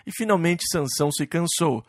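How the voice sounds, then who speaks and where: A man with a fairly high voice leads an expository Bible study. He reads scripture slowly, then explains it in an easygoing way. The recording is close and dry, with no room echo. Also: expressive. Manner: reads verses slowly, then retells them conversationally. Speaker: Bible teacher.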